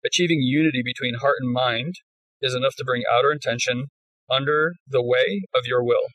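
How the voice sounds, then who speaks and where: A man's voice: medium pitch, fairly even intonation, a little fast, fairly bright tone, dry recording, dull audio. A man co-hosting a casual podcast over a remote call, talking loosely with lots of fillers while his connection breaks up and cuts out. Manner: loose, filler-heavy talk, reads a quote aloud. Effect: call audio breaking up and cutting out. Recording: distant, dry, breaking-up call audio.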